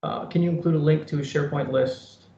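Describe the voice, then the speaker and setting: A man giving an informal, conversational software demonstration in an online meeting. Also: on the high side, fairly even intonation, fast. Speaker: presenter of a software demo. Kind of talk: informal screen-share demonstration for a work group. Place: online meeting recording from an echoey room. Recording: echoey room, dull online meeting audio.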